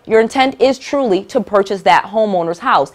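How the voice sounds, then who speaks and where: A woman's voice: mid-range voice, animated, moderate pace. A middle-aged woman teaching real estate investing to camera, emphatic and direct, repeating key points and checking in with "all right?".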